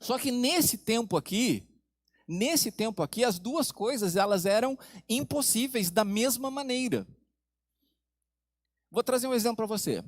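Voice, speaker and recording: Guy preaching a sermon, high voice, drops soft n slow for big points, asks the crowd questions, dry close sound. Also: animated, no echo. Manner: preaching with dramatic pauses, dropping low and soft for emphasis. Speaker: pastor.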